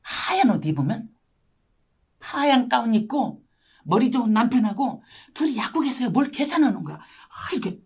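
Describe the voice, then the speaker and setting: A woman's voice: on the high side, very animated, normal speed, darkish tone, slightly rough. An older woman missionary giving a testimony sermon, telling her story dramatically and often asking her listeners for agreement. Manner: dramatic storytelling, constant tag questions to listeners. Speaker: missionary preacher. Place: church online gathering.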